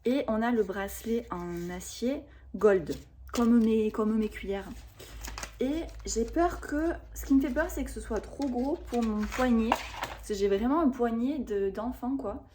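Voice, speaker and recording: A woman's voice: on the high side, unhurried, warm tone, far from the mic, slight background noise. Chatty woman in an echoey room. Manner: chatty, enthusiastic, thinking aloud. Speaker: vlogger. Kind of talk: casual haul unboxing chat.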